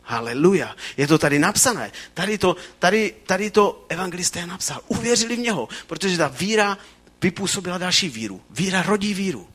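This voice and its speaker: Male preacher, sermon delivery, animated and fervent, bright tone, restarts mid-phrase. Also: high voice, husky.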